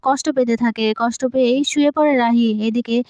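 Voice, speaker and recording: A woman's voice: fairly high pitch, steady tone, a little fast, darkish tone, clean tone, dry recording. A woman narrating a recap of a television serial, reading every character's lines in her own voice.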